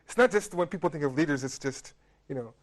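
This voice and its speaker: A man's voice: fairly high pitch, expressive, fast talker. A man from the United States, a guest on a studio panel, speaks casually with many fillers and restarts. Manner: hesitant, many fillers and repeated words. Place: television studio.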